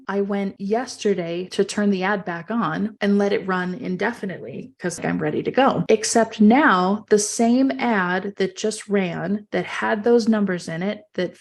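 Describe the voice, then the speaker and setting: A woman's voice: mid-range voice, creaky. A woman speaking as an online entrepreneur and coach in an earnest, emphatic motivational monologue, repeating phrases for stress. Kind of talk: personal monologue with motivational talk.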